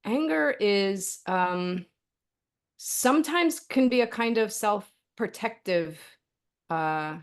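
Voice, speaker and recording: A woman's voice: mid-range voice, expressive, slow pace, clean tone. A middle-aged woman in a conversational interview, answering thoughtfully and often tagging her sentences with "right?" and "like.". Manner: thoughtful, frequent "like" and "right?" tags. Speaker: philosophy author and professor, interview guest.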